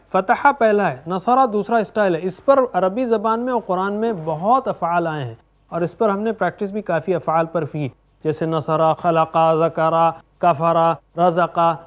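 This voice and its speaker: A man whose voice sits high leads an animated classroom lesson in Quranic Arabic. He chants verb conjugations in a steady rhythm and urges his students along.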